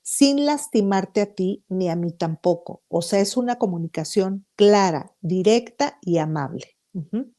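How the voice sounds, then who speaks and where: Mexican woman, podcast psychologist guest, warm mellow tone, upbeat and emphatic. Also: medium pitch, lively intonation, measured pace. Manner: upbeat, emphatic, explains point by point. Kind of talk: podcast interview.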